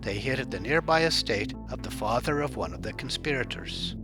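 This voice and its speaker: With music playing in the background, a male host tells a scripted true-crime news story in an expressive, medium-pitched voice. He keeps it wry and conversational, leaning on dramatic pauses for effect.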